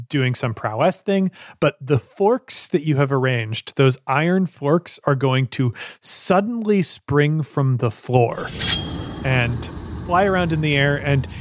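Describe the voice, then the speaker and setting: Higher-voiced man running a tabletop game. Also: no room sound, studio quality. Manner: conversational, improvising as he describes scenes. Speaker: game master. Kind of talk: casual tabletop game narration.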